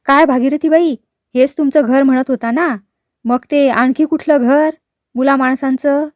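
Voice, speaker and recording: A woman's voice: high-pitched, steady tone, normal speed, a little mellow, no echo, clean studio sound, lightly acted. A woman voicing a teasing male attendant who mocks an old woman, in a storybook reading. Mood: mocking. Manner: mocking, teasing.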